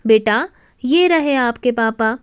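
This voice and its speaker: A woman's voice: a little high, takes it slowly, smooth, no echo, clean studio sound. A woman voicing a bold, direct young wife who confronts her family with pointed questions. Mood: determined.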